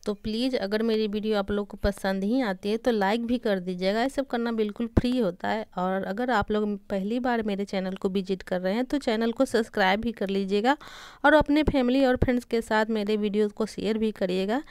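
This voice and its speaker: A woman's voice: medium pitch, fairly quick, darkish tone, clean tone, dry recording. A young woman narrating a family vlog, chatty, walking viewers from room to room. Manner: chatty, guides viewers around while walking. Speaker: vlogger. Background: music.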